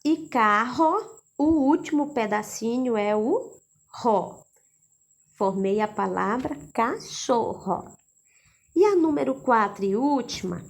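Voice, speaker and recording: A woman with a Brazilian accent, teaching a lesson for young children and slowly sounding out syllables, checking in often. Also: on the high side, a little mellow. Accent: Brazilian Portuguese.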